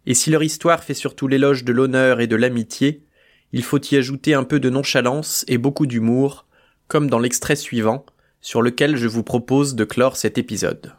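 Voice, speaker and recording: A man of middle pitch delivers a scripted literary podcast in a measured way. His tone is wry, and he shifts easily into reading a novel aloud. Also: steady tone. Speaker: podcast host.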